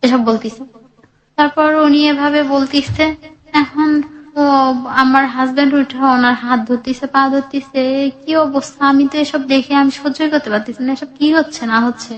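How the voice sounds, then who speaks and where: A woman's voice: sits high, fairly even intonation, moderate pace, dull audio. A woman, telling her personal life story in a rambling, emotional way, full of restarts. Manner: rambling, with many restarts and acted-out quotes.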